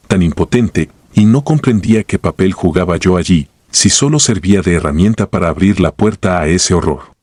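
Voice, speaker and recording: A man narrating a first-person horror story in a grave, steady scripted delivery. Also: low-pitched, husky, no echo.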